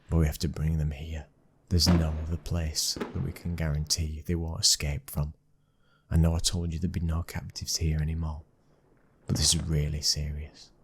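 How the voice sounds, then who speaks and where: In an ASMR boyfriend roleplay, a British man voices the young son of a mafia boss, commanding and protective. His voice is low, husky and controlled, and his mood is urgent and firm.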